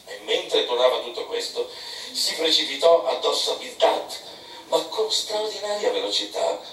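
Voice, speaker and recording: A man reading a novel aloud with theatrical, expressive delivery. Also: a little high, normal speed, vocal fry. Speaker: narrator. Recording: echoey room, mic far off.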